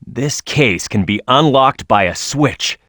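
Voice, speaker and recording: In studio-quality audio with no echo, a man voices a tough, hot-headed echidna brawler in a video game, giving tutorial hints and battle shouts. His medium-pitched, slightly bright voice is animated yet slow, delivered punchy, brash, confident, instructive and firm.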